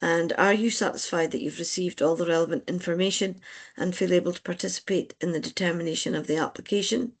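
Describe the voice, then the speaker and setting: Convener with a gravelly voice. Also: medium pitch, fairly even intonation. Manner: procedural, measured, polite. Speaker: licensing board convener. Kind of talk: formal meeting chairing.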